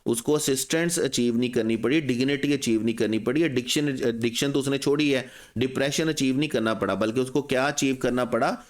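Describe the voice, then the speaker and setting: A man teaching an exam-prep lesson, posing questions to the class and answering them himself, and reading English test sentences out slowly. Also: mid-range voice.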